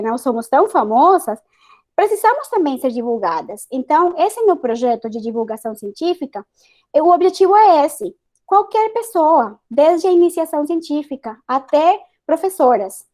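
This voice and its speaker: Her voice sits high with a darkish tone as she joins an online panel by video call as a scientist guest. A native Spanish speaker, she talks earnestly in Spanish-accented Portuguese, with plenty of hesitations and restarts.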